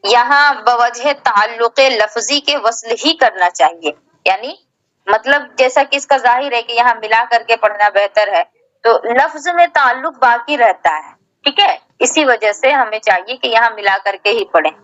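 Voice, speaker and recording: A woman's voice: on the high side, moderate pace, fairly bright tone, no echo, dull audio. A woman teacher giving a religious lesson, patiently explaining each term and restating it in simpler words. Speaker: Islamic teacher.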